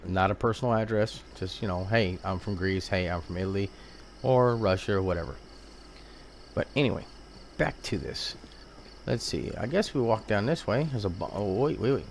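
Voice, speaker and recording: A man's voice: lowish voice, moderate pace, a little hiss or hum. A man giving casual, crude, joking commentary over a video game. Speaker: gameplay commentator. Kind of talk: casual let's-play commentary.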